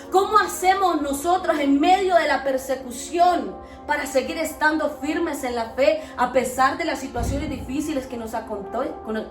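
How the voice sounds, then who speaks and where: A woman, hosting a podcast and preaching Bible lessons in an earnest, exhorting way full of rhetorical questions. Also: high-pitched. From Colombia. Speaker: podcast host teaching Bible principles. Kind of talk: preaching talk. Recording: echoey, distant mic, faint music behind.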